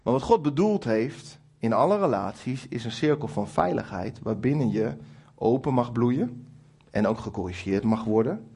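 Man, middle-aged, sermon, husky, emphatic, direct address to congregation. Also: mid-range voice, normal speed. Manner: lively, emphatic preaching with acted quotes to God; addresses listeners directly, with humour about his marriage. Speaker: preacher. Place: church hall before a congregation.

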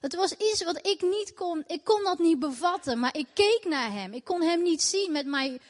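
A woman's voice: very high-pitched, expressive, normal speed. A woman telling her personal faith testimony in an earnest, emotional way, often repeating her phrases. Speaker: testimony speaker. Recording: echoey hall with long reverb.

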